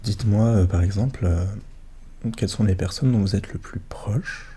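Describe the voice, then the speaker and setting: Soft-spoken man in low, mellow ASMR role-play. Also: moderate pace, slight background noise. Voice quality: soft, hushed voice drifting into speaks softly. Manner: gentle, attentive questioning with short murmured acknowledgements. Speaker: ASMR performer role-playing a psychologist.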